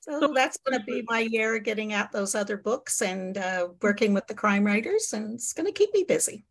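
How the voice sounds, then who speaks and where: A woman's voice: medium pitch, lively intonation, normal speed, poor audio. A woman author chatting casually as an interview guest, laughing often and using many fillers. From Quebec, Canada.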